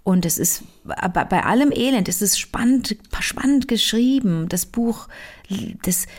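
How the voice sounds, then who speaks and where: A woman's voice: a little high, unhurried. Chatty German-speaking woman telling a story. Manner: lively storyteller, many fillers and restarts. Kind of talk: casual chat, retelling a novel.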